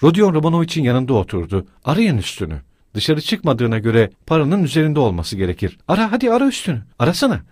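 A man voicing a frantic, furious middle-aged mother who screams shrill insults in an audiobook reading. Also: slightly rough, no room sound, studio quality. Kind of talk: audiobook character voice.

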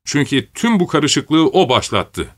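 A man's voice: fairly high pitch, very animated, takes it slowly, voice pushed up. A man voicing a bold young nobleman who speaks firmly and gives commands. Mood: commanding. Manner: firm, commanding delivery.

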